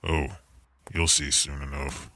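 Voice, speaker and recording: A man playing a mysterious, menacing gunman in an audio drama, speaking in a measured, commanding way. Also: rumbling low, flat delivery, heavily acted. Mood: calm menace.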